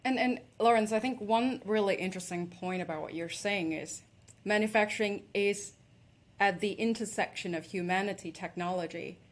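A woman's voice: medium pitch, moderate pace. A woman from Hong Kong hosting a business interview, conversational and repeating small words as she starts her points. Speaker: host.

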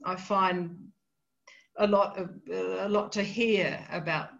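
On a podcast discussion of a novel, an Australian literary scholar talks through a short story, thinking aloud hesitantly with many ums and restarts. She has a mid-range voice with vocal fry, fairly even intonation, and a slow pace. The highs are cut off in the recording.

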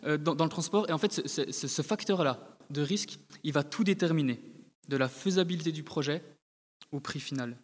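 A male preacher giving a sermon to his congregation, talking directly to them with frequent hesitations and repeated words. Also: on the high side. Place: church hall. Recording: long hall reverb.

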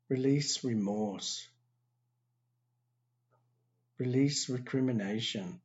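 A man guiding a meditation, giving slow, calm, soothing instructions with long pauses. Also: mid-range voice, highs cut off. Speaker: meditation teacher. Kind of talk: guided meditation.

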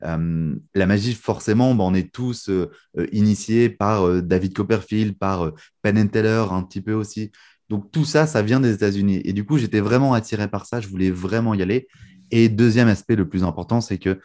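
A man's voice: fairly low pitch, brisk. A young man from France in his twenties, a guest magician talking casually in an interview, with loose fillers and restarts. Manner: relaxed, many fillers and restarts.

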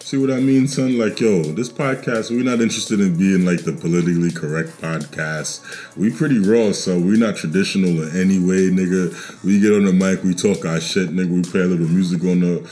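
A man's voice: deep voice, dark tone. A man co-hosting a podcast, chatting casually with loose, profane, joking storytelling and lots of slang over music. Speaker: podcast co-host. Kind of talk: casual chat. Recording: music bed underneath.

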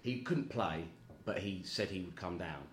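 A man's voice: low-pitched, moderate pace, a little hiss or hum. A man in casual chat as a guest, rambling and self-deprecating, often laughing at himself. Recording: echoey room with faint ambience.

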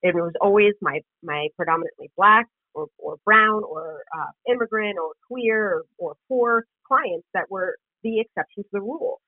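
A woman gives earnest, deliberate interview answers in a conversational storytelling way, building her points in lists. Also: mid-range voice. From Queens, New York City. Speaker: interview guest, political candidate and public defender. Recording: thin phone-line sound.

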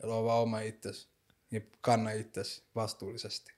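A young Finnish man chats casually in slang, sprinkling in English phrases and talking on without stopping. His voice is fairly low and darkish, with little pitch movement.

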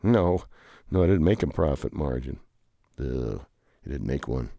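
A man's voice: a bass voice, animated, a little slow, vocal fry, mellow, no room sound, clean studio sound. A man telling an improvised comic story with two bickering characters, rambling and often groaning and humming along. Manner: rambling, with frequent groaning "ugh"s and playful humming.

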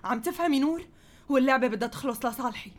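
A woman with a Levantine Arabic accent, voicing a proud businesswoman who refuses to yield. She speaks fast, sure of herself, in a fairly high voice. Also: animated. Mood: defiant. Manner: firm, self-assured.

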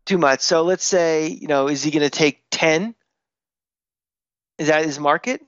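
Blunt man with a clear, fairly high voice. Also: a little slow, a bit bright, dry recording, lo-fi sound. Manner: blunt, opinionated, talks in bursts with restarts. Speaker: podcast co-host. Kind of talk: casual sports talk.

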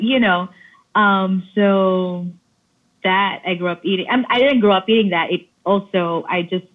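A woman from the Philippines chatting casually as a guest, halting with frequent restarts. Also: mid-range voice. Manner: halting, warm, restarts often. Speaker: travel food vlogger guest. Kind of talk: casual chat. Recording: tinny phone-like line.

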